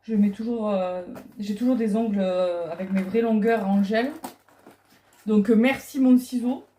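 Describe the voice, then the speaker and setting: A woman's voice: medium pitch, unhurried, mellow, a little hiss or hum. A middle-aged woman chatting casually on a clip-on mic, hesitant with many fillers. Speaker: vlogger. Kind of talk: casual unboxing chat. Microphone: clip-on lapel mic.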